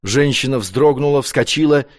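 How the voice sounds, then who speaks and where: A man narrating an audiobook with an expressive reading. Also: medium pitch, moderate pace. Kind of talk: scripted narration.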